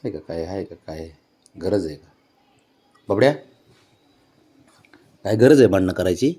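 Lively coaxing man talking to cats. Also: sits low, a little slow. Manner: coaxing, teasing baby-talk, scolding playfully. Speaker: pet owner. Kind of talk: casual talk to pet cats.

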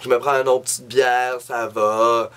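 A young man with a Québécois French accent telling a comic story as a monologue, jumping into high voices when he imitates people. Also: flat delivery, a little slow, fairly bright tone, smooth. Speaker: comedic storyteller.

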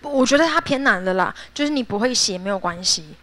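Bright, high-voiced teacher. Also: female voice, lively intonation, fast. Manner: chatty and playful, laughs often, drills pronunciation. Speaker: high school English teacher. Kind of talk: classroom vocabulary lesson.

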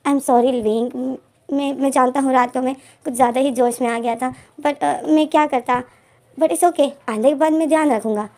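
A woman's voice: high-pitched, steady tone, normal speed, darkish tone. A woman voicing a confident, teasing young man in a storybook reading, bossy and playful toward his partner.

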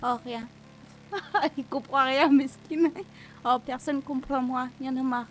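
Woman voicing a bubbly foreign medic, high voice, broken speech, game role-play. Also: fairly even intonation, unhurried, a bit bright, slight background noise. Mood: babbling. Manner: broken pidgin speech, repeats herself. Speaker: streamer role-playing a medic.

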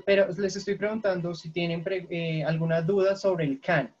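A woman's voice: lowish voice, fairly even intonation, normal speed, darkish tone. Brief: woman teacher on an online call, patient, keeps checking in, lo-fi audio. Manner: patient, checks often for questions. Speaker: English teacher. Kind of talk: online class, explaining grammar. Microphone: video call.

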